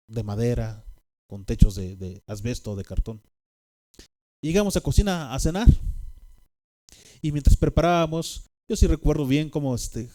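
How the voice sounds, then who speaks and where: Mellow-voiced Mexican man telling his testimony. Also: mid-range voice. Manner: rambling, with frequent fillers and tag questions. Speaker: speaker giving a personal testimony. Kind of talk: personal testimony storytelling.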